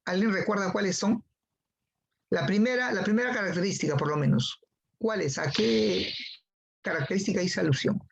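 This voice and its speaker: A man's voice: high voice, normal speed, creaky, pauses often, husky, lo-fi sound. Man teaching, repeating key points. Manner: repeats key phrases, calls on students by name. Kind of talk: online class lecture.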